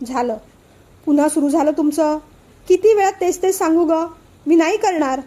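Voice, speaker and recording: A woman's voice: high-pitched, normal speed, warm tone, low-quality recording. A woman voicing a stubborn young woman who refuses to learn to cook, in a storybook reading. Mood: defiant. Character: defiant young bride-to-be, stubborn and sulky.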